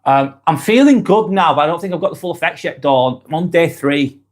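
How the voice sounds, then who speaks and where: On a casual livestream vlog, an East Lancashire man with a Lancashire accent reads viewer comments and rambles on with many ums and restarts. His voice sits on the high side and sounds animated and brisk.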